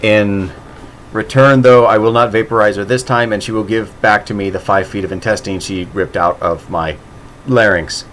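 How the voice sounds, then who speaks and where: A man's voice: on the low side, steady tone, normal speed, fairly bright tone, a little hiss or hum. A man chatting casually as a streamer answering his chat, sarcastic and playful, with mock-dramatic outbursts and frequent laughing restarts.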